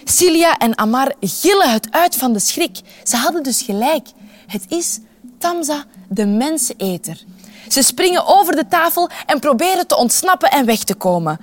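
A woman with a Flemish accent reading a children's story aloud, asking her young listeners questions. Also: sits high. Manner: lively, animated voices, asks the children questions.

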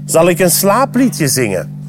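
A Flemish man voicing a smug, mocking male frog with a croaking voice in a children's storybook reading. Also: high voice, wildly swooping pitch, measured pace, over music, voice pushed up, full character voice. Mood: teasing. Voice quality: croaking, teasing.

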